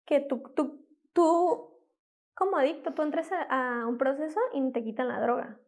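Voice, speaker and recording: High-voiced young woman recounting her story. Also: moderate pace. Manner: lively retelling that acts out quoted dialogue; frequent fillers and self-corrections. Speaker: former patient giving a testimony. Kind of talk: personal testimony in an interview.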